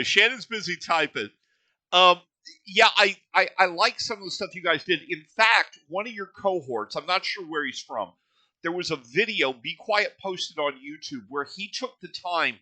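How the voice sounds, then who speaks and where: Chatty man with a very bright voice. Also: high voice, no echo. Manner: easygoing, teasing, chatty. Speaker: podcast host. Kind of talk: casual podcast chat.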